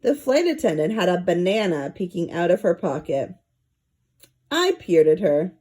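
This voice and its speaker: With a lowish voice and a moderate pace, a female storybook reader brings a children's tale to life in an expressive style.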